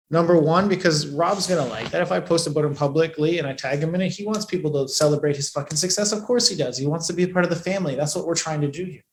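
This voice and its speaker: Man, business coach, swears a lot, punchy and emphatic, slightly high voice, echoey room. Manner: profane, emphatic, shifts between loud and hushed. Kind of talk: live training session.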